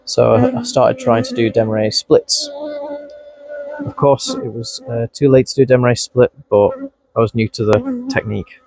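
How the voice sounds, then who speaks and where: This beekeeping vlog comes from a chatty man with a mild Scouse-Wigan accent, working outdoors at his hives in a bee suit, talking to and telling off his bees, his voice leaping when startled. He has a mid-range, slightly mellow voice with vocal fry, huge pitch swings and a normal speed. Bees crawl over the close clipped-on mic.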